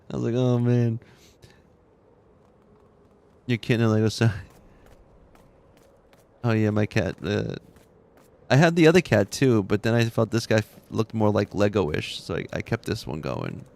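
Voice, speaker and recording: Streaming from his room at home, a man with a lowish, creaky, darkish voice talks at normal speed but pauses often. He chats casually with viewers while gaming and tells laughing, rambling anecdotes that keep restarting.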